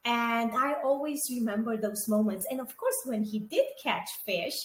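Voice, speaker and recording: A middle-aged Romanian woman co-hosts a podcast, chatty and casual, full of fillers and asides to her listeners. Her fairly high voice is animated and moves at normal speed. The room is echoey, with faint background noise.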